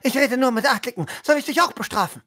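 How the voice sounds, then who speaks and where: Snobbish young noblewoman, put on by a woman GM: high, imperious, scolding. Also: lively intonation, fast, fairly bright tone. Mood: haughty. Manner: arrogant, scolding, commanding. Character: haughty young noble lady, cruel and snobbish.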